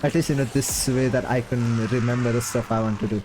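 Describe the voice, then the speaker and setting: Streaming a game, a non-native English-speaking man rambles casually, dropping in plenty of fillers and small laughs. He talks fairly quickly in a mid-range voice with fairly even intonation, over background noise that includes game music.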